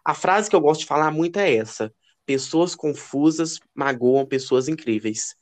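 A man co-hosting a podcast, telling gossipy stories in a casual, animated way. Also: moderate pace. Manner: expressive, lively pitch. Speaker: podcast co-host. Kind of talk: casual chat.

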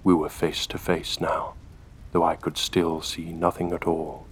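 A man hosting a horror story podcast, narrating a scripted tale in a measured, hushed way. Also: low-pitched, level tone, a little hiss or hum. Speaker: host and storyteller.

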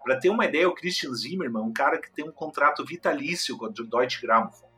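A man's voice: medium pitch, animated, brisk, pushed and bright. A man, co-hosting a casual chat about classical music and explaining things eagerly, with many fillers and restarts. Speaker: co-host.

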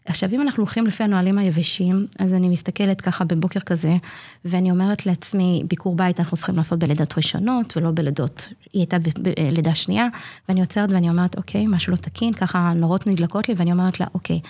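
A community child-health nurse in her forties tells a personal story in an interview, earnestly and animatedly acting out what people said. Her voice is lowish, and she pauses often with hesitation fillers.

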